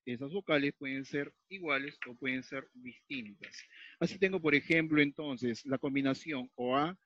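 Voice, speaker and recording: With a fairly high voice at normal speed, a man from Peru writes on a whiteboard or tablet as he walks through a grammar lesson, repeating key points and often asking if everyone follows. The audio is dull, lo-fi and dry, with no echo.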